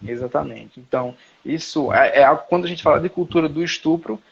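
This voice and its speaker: A man's voice: fairly high pitch, a little fast, creaky, lo-fi sound, over a noisy crowd. A man, lecturing as a professor in a live online class and searching for words aloud as he explains.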